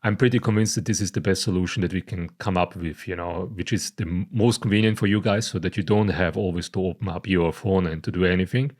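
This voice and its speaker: Low-voiced man explaining, asking "okay?". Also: fairly even intonation, fast, hardly any pauses, darkish tone. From Croatia. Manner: explains step by step, repeats "okay?" and "you know". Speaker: product presenter. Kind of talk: casual screen-recorded tutorial.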